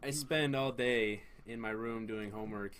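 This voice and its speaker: A man's voice: fairly low pitch, normal speed, fairly bright tone. A young man, a student guest, chatting casually and telling rambling, self-deprecating stories. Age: young adult. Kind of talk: casual chat.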